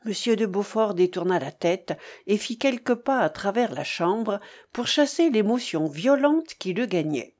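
A woman narrating a classic novel for an audiobook in a measured, expressive way. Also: mid-range voice.

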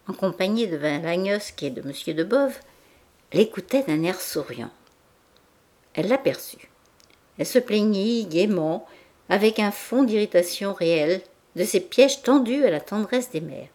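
A woman narrating a classic novel as an audiobook in a measured, even literary reading. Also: mid-range voice. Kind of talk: scripted narration.

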